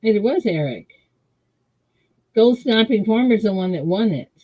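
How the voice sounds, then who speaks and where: A woman co-hosting a casual video-call chat, her voice muffled as if heard through a wall, slow and rambling. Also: mid-range voice, expressive, dark tone, husky. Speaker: livestream co-host. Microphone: computer mic on a video call.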